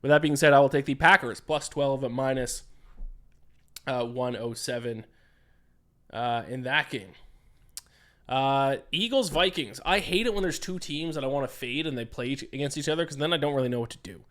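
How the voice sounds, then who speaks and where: A man's voice: mid-range voice, normal speed, fairly bright tone. A tired young man hosting a casual solo sports betting podcast. He rambles and gets distracted, with frequent "uh" and "um" fillers. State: tired, yawning.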